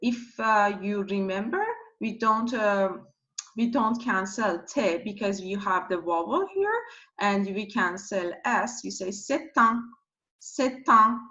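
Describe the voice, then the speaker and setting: A woman teaching pronunciation slowly, repeating each word and spelling out letters. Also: medium pitch, animated, fairly bright tone, muffled recording. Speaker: French teacher. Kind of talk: slow pronunciation lesson.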